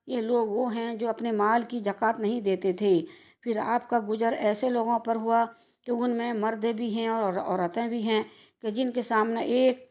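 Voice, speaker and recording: A woman narrating a devotional religious story in a steady recited manner. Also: on the high side. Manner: steady recitation with occasional restarts. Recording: dull lo-fi recording.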